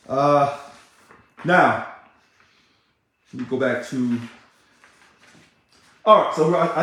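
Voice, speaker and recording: A man, an ousted union leader, delivering a combative, sarcastic ranting monologue that repeats itself and bursts into shouting. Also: fairly high pitch. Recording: very echoey room.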